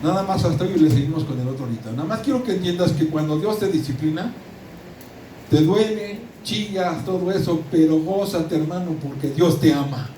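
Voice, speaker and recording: A middle-aged Mexican man preaches with insistent emphasis, repeating and restarting his words, his voice sitting a little high. He sounds distant from the mic in a roomy, echoing hall with steady ambience behind him. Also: brisk, slight background noise. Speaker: pastor. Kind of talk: sermon.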